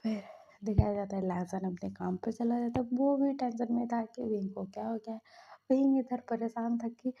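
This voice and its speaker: Casting: woman storyteller, mellow husky voice, slightly high, chatty half-whisper, dull lo-fi recording. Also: moderate pace. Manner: chatty, often half-whispered, lots of fillers. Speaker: fan-fiction storyteller. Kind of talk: casual story retelling.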